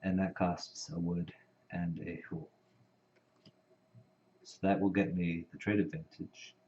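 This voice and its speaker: A man's voice: sits low, level tone, takes it slowly, warm tone. A man who knows the game well, patiently explaining the rules in casual board game chat, with many fillers. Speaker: experienced player explaining rules. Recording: dull lo-fi recording.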